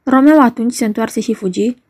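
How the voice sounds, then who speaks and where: A woman gives a young man telling of a deadly brawl with pressing urgency. The tone is mellow and sits fairly high. It is a dramatic reading of a play. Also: close to an everyday voice. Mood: recounting. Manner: urgent, pleading delivery. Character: young male friend, urgent peacemaker.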